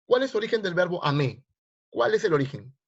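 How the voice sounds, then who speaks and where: A male teacher with a high, brisk voice and big swings in pitch is teaching grammar online, quizzing students with repeated questions. He's heard through a video call, and the online class audio is lo-fi.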